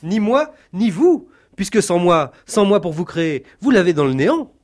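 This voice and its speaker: A man voicing a weary, laconic God in a comic radio sketch, talking flat and hesitant. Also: fairly high pitch, normal speed, voice pushed up, natural voice. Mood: sardonic. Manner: flat, dry, hesitant, softly spoken. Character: weary, deadpan God, adult male, laconic.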